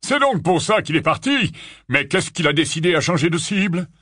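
Man voicing a grave, weary wizard in a storybook, measured and flat-toned, close dry sound. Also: on the high side, dry recording, voice pushed up. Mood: grim. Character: grave older male wizard, calm and weary. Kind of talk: audiobook character reading.

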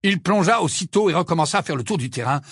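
A man reading a novel aloud as an audiobook narrator, with expressive storytelling. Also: on the high side, fast talker, husky, no echo, clean studio sound. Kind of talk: scripted narration.

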